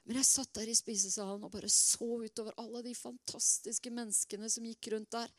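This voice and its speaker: A middle-aged woman preaching a sermon in a lively, conversational way, with many asides and repeated words. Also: on the high side, no room sound, studio quality.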